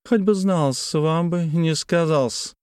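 A man's voice: on the high side, takes it slowly, a little mellow, clear, resonant tone, no room sound, studio quality, pitched above the performer's own voice. A man voicing a small, prickly guest who speaks in a sullen, sarcastic way in an audiobook. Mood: irked.

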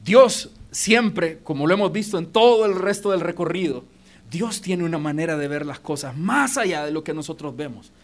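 Brief: emphatic male preacher, high voice, church sermon. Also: expressive, normal speed. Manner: emphatic, addresses congregation directly. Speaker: pastor. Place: church auditorium.

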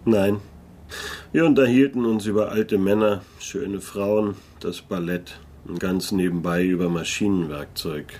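This German radio drama's private detective has a fairly low, slightly mellow voice and talks a little slowly. Sceptical and sardonic, he stays dry, wry and guarded from start to finish.

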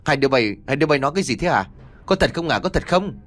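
A quick-tempered elderly mother-in-law, put on by a male narrator in an audio storybook. She scolds and shouts, her voice lively and rising. The sound is close and dry. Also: low voice, no room sound, faint music behind, voice pushed down. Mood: furious.

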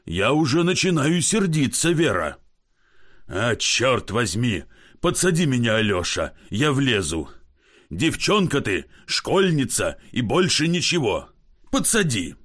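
A man voicing a drunk middle-aged gentleman who coaxes and curses, fussy and blustering. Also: mid-range voice, very animated, unhurried, voice pushed up. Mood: exasperated. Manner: coaxing, then cursing in frustration.

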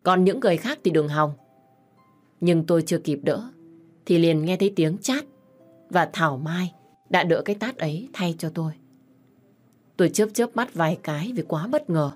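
A woman narrating a first-person story in a calm, even manner. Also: on the low side, normal speed, long pauses, faint music behind.

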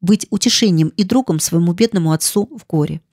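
A woman reading the lines of a grave, earnest young English gentleman in an audiobook, in a measured way. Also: on the low side, no room sound, clean studio sound.

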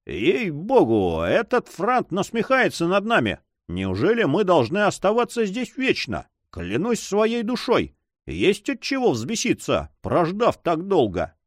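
A gruff, blustering buccaneer in his forties, as a male narrator puts him on, rough-voiced and impatient. His delivery swings widely in pitch and sits fairly high for a man. The sound is dry and close. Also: wildly swooping pitch, unhurried, no room sound, full character voice. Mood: angry.

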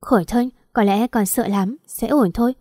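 A woman's voice: fairly high pitch, normal speed, mellow, dry recording, clean studio sound, natural voice. A woman voicing a kind, older royal consort in an audio story, speaking in a soothing, affectionate way. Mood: tender. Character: gentle elderly royal consort, motherly.

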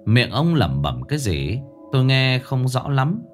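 A man narrating a ghost story in a dramatic, expressive reading. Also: medium pitch, a little slow, soft background music.

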